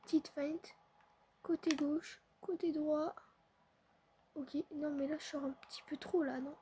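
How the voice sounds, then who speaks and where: A young woman chatting excitably to her viewers while playing a football video game. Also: high-pitched, a little slow, slight background noise. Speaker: gaming streamer. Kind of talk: casual live commentary on a football video game.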